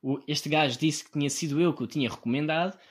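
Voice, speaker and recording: A young man with a European Portuguese accent hosts a casual solo podcast, his voice a little high, slightly rough, and fast. He rambles in an animated way, full of sarcasm and mocking impressions of other people.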